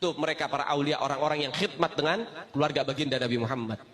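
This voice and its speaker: Male preacher, high voice, animated storytelling sermon. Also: fast talker.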